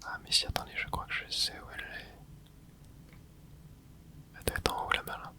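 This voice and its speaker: In a whispered ASMR let's play, a gaming creator keeps the voice breathy and unvoiced from start to finish. The soft, casual commentary moves briskly through short remarks and small interjections.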